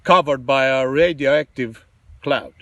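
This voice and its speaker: A man with a Romanian accent, giving emotional political commentary, halting and full of fillers. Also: mid-range voice, a bit bright, no room sound, highs cut off. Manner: impassioned, halting, many fillers and restarts.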